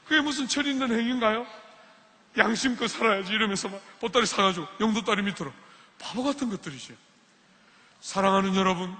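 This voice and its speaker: A man preaching, high-pitched and bright, with a long reverb from a large hall. He tells his stories vividly and acts out the lines of the people in them. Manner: animated storytelling, acts out dialogue. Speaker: preacher at a student retreat. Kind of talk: sermon.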